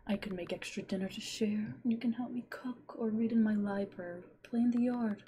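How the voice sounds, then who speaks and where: A woman voicing a lonely, motherly witch in a gentle half-whispered voice, as whispered role-play. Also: medium pitch, fairly quick, slight background noise, natural voice. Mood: tender.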